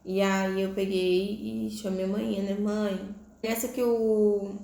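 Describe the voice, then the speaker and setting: Young woman, personal vlog story, flat steady delivery in an echoey room. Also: mid-range voice, slow, vocal fry. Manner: conversational, frequent "né?" tag questions. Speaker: vlogger.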